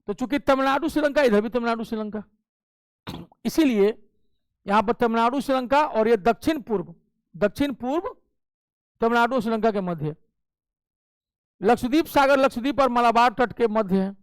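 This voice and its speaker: A man's voice: very high-pitched, clear, resonant tone, no room sound. A male teacher giving an exam coaching lecture, explaining step by step and checking in often with his class. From Bihar. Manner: explains step by step with frequent "ठीक है" check-ins.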